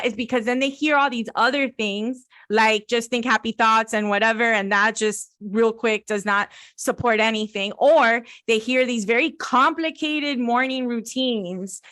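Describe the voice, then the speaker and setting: Bright, enthusiastic woman interview host. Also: fairly high pitch. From Cuba. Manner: enthusiastic, affirming.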